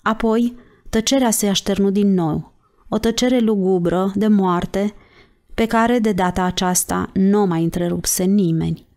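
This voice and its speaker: Woman narrator, audiobook reading, slow and measured, mid-pitched voice. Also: fairly even intonation, mellow. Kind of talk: scripted narration.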